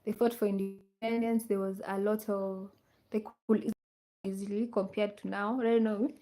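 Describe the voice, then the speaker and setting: A woman's voice: mid-range voice, level tone, moderate pace, warm tone. Woman from kenya on a live stream, chatty, keeps repeating questions to her viewers. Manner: reads viewer comments aloud, repeats questions to the audience. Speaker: livestream host. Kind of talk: casual live chat with viewers.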